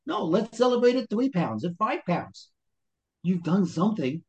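This Brooklyn, New York life coach, a podcast guest, has a fairly high, darkish voice with big pitch swings, a normal speed and a Brooklyn accent. His conversational interview explanation is motivational, packed with rhetorical questions and acted-out self-talk, in lo-fi audio.

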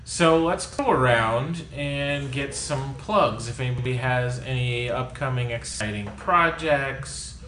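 A man hosting a casual podcast, laid-back and quick to laugh. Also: medium pitch, fairly bright tone. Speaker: podcast host. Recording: echoey room with crowd noise.

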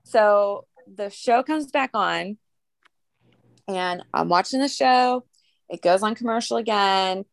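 A woman's voice: medium pitch, slow pace, gravelly, dry recording. A young adult woman co-hosting a podcast, telling stories in a chatty way with fillers and laughs. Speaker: podcast co-host. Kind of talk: casual chat.

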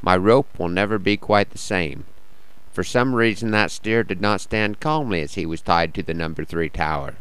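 An American man with a slightly rough, worn-out morning voice, hosting a radio show with wry, understated folksy storytelling and verse. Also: fairly low pitch, normal speed, fairly bright tone, dry recording, rough recording. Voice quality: a little rough and croaky. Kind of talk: scripted folksy monologue with cowboy poetry.

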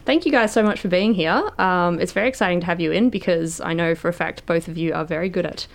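A woman's voice: lowish voice, quick pace, gravelly. Curious woman hosting a radio science show. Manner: curious, inquisitive. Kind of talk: casual live radio chat. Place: radio studio.

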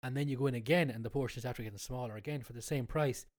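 This man talks rapid-fire in a medium-pitched, slightly mellow voice, thick and nasal from a cold. A cook and cookery teacher from Cork, Ireland, he appears as a guest and explains things in casual conversation, frequently repeating himself.

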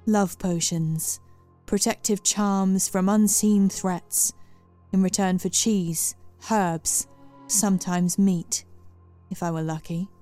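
Woman voicing an old storybook hag, crackling and smug, low and dark, faint music bed. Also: fairly even intonation, takes it slowly, lightly acted. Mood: menacing. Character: wiry old female hag, menacing and smug.

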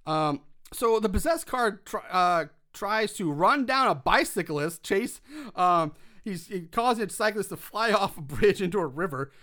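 A man's voice: high voice, expressive, unhurried, bright, forceful tone. A man co-hosting a casual podcast, recapping a movie scene by scene, chatty and swearing, with frequent laughs.

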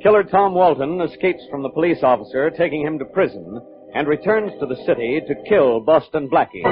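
Old radio show announcer, a man. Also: on the high side. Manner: measured, formal recap delivery. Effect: old radio show broadcast. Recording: dull lo-fi old radio recording with music. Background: music under the voice.

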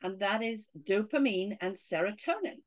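A woman's voice: mid-range voice, moderate pace. Scottish lady, middle-aged, chatty guest on a podcast, lots of "you know". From Scotland. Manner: animated storytelling with frequent "you know". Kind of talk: casual interview talk.

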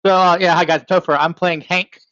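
A man's voice: high voice, level tone, a little fast, a bit bright, no echo, dull audio. A man chatting casually as a player at a tabletop role-playing game.

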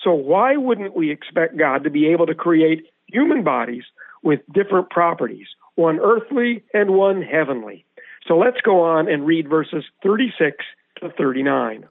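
A man with a somewhat high voice leads a radio Bible lesson, working through scripture step by step and quizzing his partner as he goes. The sound is thin and narrow like a phone line, with no room echo at all. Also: big pitch swings, moderate pace, creaky. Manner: methodical, explanatory, poses questions to co-host. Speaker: Bible teacher, radio host. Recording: tinny, phone-like radio audio.

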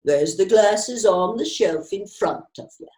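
A woman voicing a curt, dismissive barman, speaking low and slow in a roomy-sounding recording. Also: animated, darkish tone. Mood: scornful. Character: curt, scornful male barman. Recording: roomy echo.

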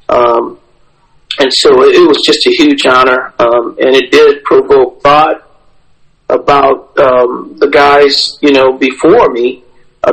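A man in his sixties, a former pitcher, reminiscing reflectively in a halting way with many pauses and repeats. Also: gravelly, poor audio. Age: 60s. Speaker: former professional baseball pitcher. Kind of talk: reflective interview recollection.

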